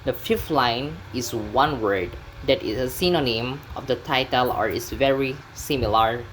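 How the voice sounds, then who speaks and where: Very low-voiced woman presenting a poetry lesson. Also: slight background noise, low-quality recording. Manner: careful, slightly halting delivery with restarts. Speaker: student presenter.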